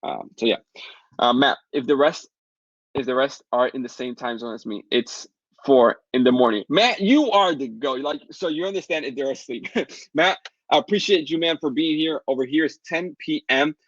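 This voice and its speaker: A man from the Caribbean with a Latin American Spanish accent, Spanish as his first language, hosting a live webinar Q&A and pitching his course in a fast, upbeat way while answering chat questions. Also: fairly bright tone, dry recording, dull audio.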